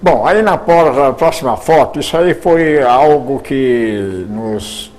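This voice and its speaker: In an interview, an older man reminisces about his years in radio drama, speaking slowly in a medium-pitched, darkish voice. He often stumbles and repeats words.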